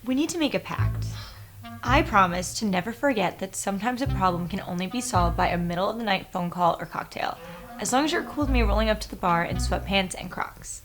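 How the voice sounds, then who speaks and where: A woman's voice: medium pitch, lively intonation, a little fast, over music, lightly acted. An actress playing a female vampire friend who gives advice with dry jokes, in film dialogue. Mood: wry. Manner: dry, jokey. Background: film score.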